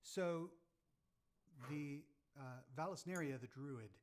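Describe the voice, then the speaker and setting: A man narrating as game master of a tabletop game, halting and full of ums and restarts as he describes the scene. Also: on the high side.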